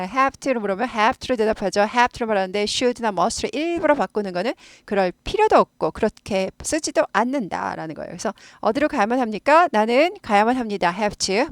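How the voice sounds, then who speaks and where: A woman teaching English, explaining grammar and slowly repeating words for pronunciation drills. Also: fairly high pitch, dry recording, clean studio sound.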